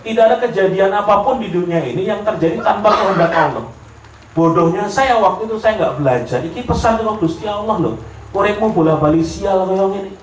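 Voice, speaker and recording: A preacher with a Javanese accent and a brisk, high-sitting voice tells funny stories in his sermon, animatedly mimicking the people in them and dipping into Javanese. Audience laughter rings through the echoey lecture hall, captured from a distance with a little hiss or hum.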